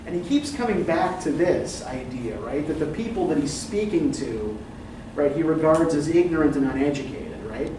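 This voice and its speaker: With a slightly high voice, lively intonation and normal speed, a male professor leads his literature class in discussion. He stays thoughtful, regularly checking in with "right?" and filling pauses with "um." Echo and background noise fill the distant-mic classroom recording.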